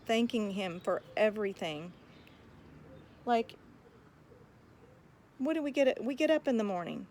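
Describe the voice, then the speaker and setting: An earnest woman speaking about prayer at a middle pitch, urging her listeners on and often restarting her words as she finds her point. A faint hum of room noise sits behind her. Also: very animated, unhurried, pauses often, a little mellow. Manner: earnest and exhortative, repeats words while finding her thoughts. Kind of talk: earnest spoken encouragement on prayer.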